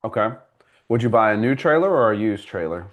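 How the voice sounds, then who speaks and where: A man's voice: fairly low pitch, very animated, brisk, phone-quality sound. A man hosting a live homebuyer class as a mortgage broker, explaining things conversationally and answering viewers by name. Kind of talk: live class with audience questions.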